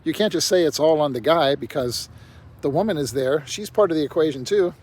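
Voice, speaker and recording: A man's voice: a little high, a little fast, a little mellow. An older man talking bluntly to camera in a rambling casual monologue, peppered with "you know". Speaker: vlogger. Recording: faint outdoor traffic noise.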